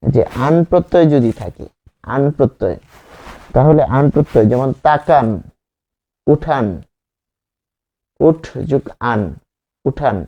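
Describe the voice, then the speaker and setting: A man teaching an exam-prep grammar lesson, speaking slowly, repeating example words and asking the class questions. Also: mid-range voice, highs cut off.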